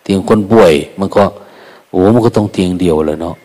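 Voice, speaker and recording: An older monk gives a gentle, unhurried Dharma talk with a low, warm voice. He speaks in a folksy way and drops in little quoted remarks. His voice carries a long reverb, as if he is in a large hall. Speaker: Buddhist monk.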